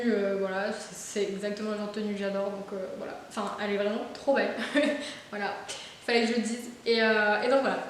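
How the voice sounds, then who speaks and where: A young woman chatting casually about books, full of fillers, restarts and enthusiasm. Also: medium pitch. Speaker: book vlogger. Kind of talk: casual book haul chat. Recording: very echoey room with faint hiss.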